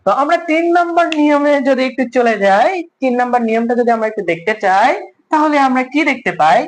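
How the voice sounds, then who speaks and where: A man teaching a class, who asks his students questions and then repeats each answer slowly. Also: extremely high pitch, expressive, rough recording. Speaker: language teacher. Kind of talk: online class lesson.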